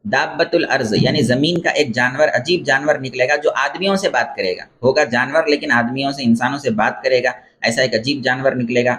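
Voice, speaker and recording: A man teaches a religious lecture in a mid-pitched voice, neither high nor low. He explains terms step by step and repeats key phrases for emphasis. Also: few pauses, fairly bright tone. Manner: explains terms and corrects pronunciation. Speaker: Islamic scholar teaching beliefs.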